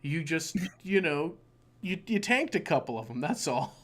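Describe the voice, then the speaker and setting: A male game master with a voice pitched a little high for a man. He talks excitably, swears freely and trips over his own words as he narrates a tabletop session. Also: normal speed.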